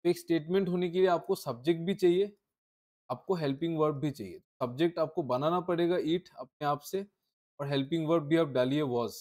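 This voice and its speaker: Mellow-voiced male grammar teacher. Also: fairly high pitch, brisk. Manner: explains step by step, mixing Hindi and English, addresses students by name. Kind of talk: online class lecture.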